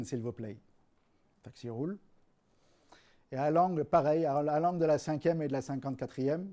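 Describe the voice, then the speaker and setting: A man's voice: fairly high pitch, dark tone. A man telling jokes on stage in a stand-up show, with hesitant fillers and restarts. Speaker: comedian.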